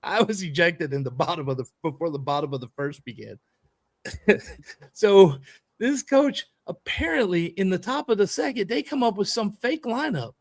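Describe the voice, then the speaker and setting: Animated man telling a story. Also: high-pitched, moderate pace, dry recording. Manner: lively, emphatic, acts out heated arguments. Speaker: podcast co-host and youth baseball coach. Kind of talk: animated storytelling in casual chat.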